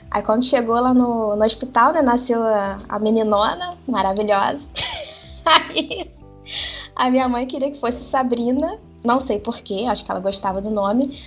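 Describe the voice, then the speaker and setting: A woman's voice: on the high side, moderate pace. Chatty woman, dull lo-fi audio. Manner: animated, laughs often, candid. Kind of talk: casual chat. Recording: dull lo-fi sound with faint music.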